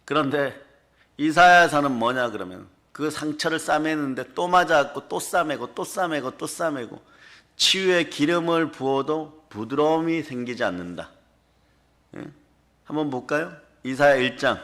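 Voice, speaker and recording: A male pastor preaching a sermon, swinging between loud scolding lines and low, murmured asides. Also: expressive, moderate pace. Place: church sanctuary.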